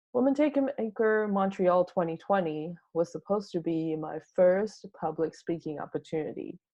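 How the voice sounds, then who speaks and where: A woman from Taiwan giving a prepared tech talk as a conference speaker, explaining things in a measured way. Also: lowish voice, warm tone, lo-fi sound. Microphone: home recording for online talk.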